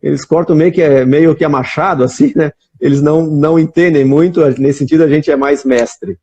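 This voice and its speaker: Speaking a little fast with fairly even intonation, this Brazilian-accented man has a fairly high, warm, slightly rough voice. He's a guest in a casual live-stream chat, rambling through stories with many restarts and frequent "né?".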